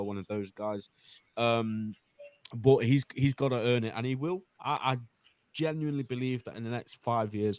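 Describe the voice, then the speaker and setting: A man's voice: lowish voice, a little mellow, dry recording. A man, hosting an enthusiastic casual football podcast chat. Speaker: podcast host.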